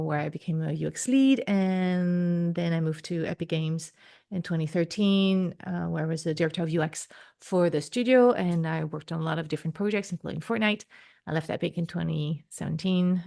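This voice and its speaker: Woman hosting a video call meetup, lowish voice with some gravel, friendly and full of fillers. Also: darkish tone. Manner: friendly, filler-heavy speech. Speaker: host, game UX consultant. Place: at home, on the US West Coast.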